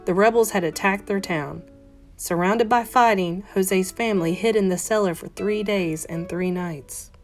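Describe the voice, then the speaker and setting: Gentle plucked guitar accompanies a woman reading a children's picture book in the style of a schoolteacher. She speaks at a moderate pace and medium pitch, phrasing carefully and stressing words expressively.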